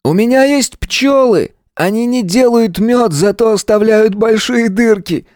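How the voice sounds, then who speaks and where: A man voicing an unhinged male gunman who taunts his victims through a door in a shrill, sing-song shout. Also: a little slow, no room sound, clean studio sound. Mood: manic.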